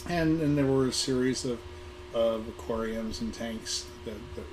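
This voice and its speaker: A hoarse American man, recovering from illness, speaks in a mid-range voice at an informal career talk, looking back over the years. He's from Southern California and manages museum programming, and his delivery halts with repeated words and long hesitations. It's a noisy live recording with room ambience.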